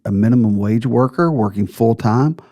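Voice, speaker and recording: A man's voice: medium pitch, normal speed, mellow. A man hosting a retirement planning podcast, explaining figures step by step with emphasis.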